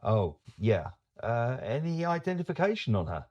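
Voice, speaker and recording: Male actor as dishevelled dim police inspector, medium pitch, swooping intonation, hesitant, flustered, radio play. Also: sing-song, normal speed, darkish tone, dull audio. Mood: sheepish. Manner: hesitant, bumbling. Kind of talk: audio drama acting.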